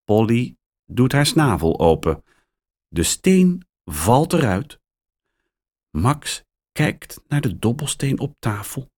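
A man reading a children's story aloud, slow and expressive. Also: medium pitch.

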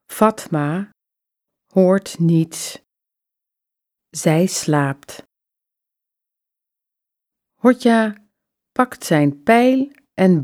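A woman reading a children's story aloud in very slow, clearly phrased short sentences. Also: fairly low pitch, mellow.

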